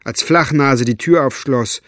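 A man's voice: mid-range voice, unhurried, dry recording, clean studio sound. A man reading a novel aloud as audiobook narrator, with dramatic storytelling. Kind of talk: scripted narration.

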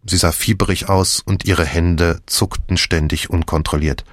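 A man reading an audiobook in a measured, even storytelling manner. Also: low-pitched, dry recording, studio quality. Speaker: audiobook narrator. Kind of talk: scripted narration.

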